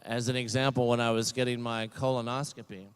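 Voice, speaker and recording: At a graduation ceremony, an older man with a smooth, resonant voice speaks into a podium microphone. His pitch sits in the middle and barely moves as he rambles through a funny commencement address. He pokes fun at himself and fills his pauses with plenty of ums and uhs.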